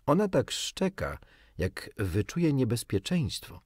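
Man doing a knowing little girl, husky voice lifted up. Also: medium pitch, wildly swooping pitch, takes it slowly, no echo, clean studio sound, voice pushed up, heavily acted. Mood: earnest. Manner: earnest, knowing. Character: wise earnest young girl.

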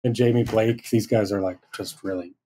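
A man talking casually as a podcast guest, relaxed and rambling, with fillers and restarts. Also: fairly low pitch, moderate pace, slight background noise. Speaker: guest, hardware designer. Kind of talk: casual interview chat.

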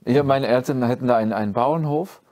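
A man in his forties from Friesland with a Dutch accent, a trombone professor answering interview questions in German with many restarts and fillers, in a dark studio. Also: mid-range voice, fast talker. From Friesland, Netherlands. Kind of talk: interview conversation. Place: dark studio stage, indoors.

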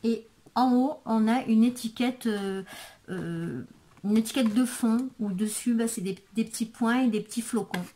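A woman presenting craft supplies in a casual video, hesitant and full of fillers, murmuring softly while she handles things. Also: a little high, measured pace, a little hiss or hum. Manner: hesitant, many fillers and restarts. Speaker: craft vlogger. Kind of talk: casual product show-and-tell.

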